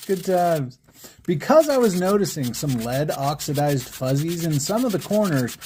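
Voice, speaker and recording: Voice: medium pitch, warm tone, a little hiss or hum. A stained glass artist hosting a craft tutorial in voice-over, playful and jokey, with puns and frequent chuckles.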